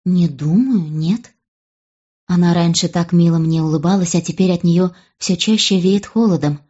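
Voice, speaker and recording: A woman reading a novel aloud as first-person narration in an even storytelling manner. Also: on the low side, fairly quick, highs cut off. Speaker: audiobook reader.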